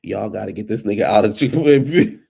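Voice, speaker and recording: Sitting at his home computer, a vlog host with a stuffed-up nose and a fading voice chats in a loose, rambling way and keeps calling listeners baby. His fairly low voice is warm and expressive, with vocal fry and a breathy edge, and he talks briskly.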